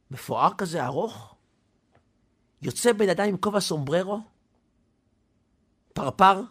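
A man preaching a sermon, telling a story dramatically, swinging from loud to hushed. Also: fairly high pitch, breathy edge.

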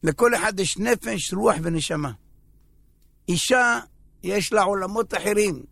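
A man's voice: high voice, creaky, a bit bright, no echo. A man giving a humorous religious talk, acting out everyday scenes between men and women. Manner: joking storyteller acting out scenes. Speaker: religious speaker. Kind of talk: humorous sermon.

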